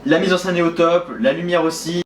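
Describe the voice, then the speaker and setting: A man's voice: a little high, steady tone, brisk, loud music behind the voice. A man casually ranking his favourite films of the year in a chatty way, often saying "hein" and "du coup". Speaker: film reviewer. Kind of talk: casual film ranking video. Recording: roomy echo, far from the mic, faint background noise.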